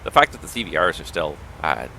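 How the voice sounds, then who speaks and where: A man with a gravelly bass voice and a sharp tone talks fairly quickly, his pitch swinging widely, over slight background noise. He is a pilot on a casual livestream, strained and tiring-sounding, explaining things at length in long running thoughts and holding firm opinions.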